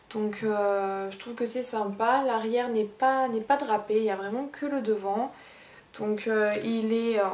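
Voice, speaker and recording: Slow-talking woman vlogger. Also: a little high, a little mellow. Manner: unhurried and chatty, many fillers. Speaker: beauty vlogger. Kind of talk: casual haul vlog.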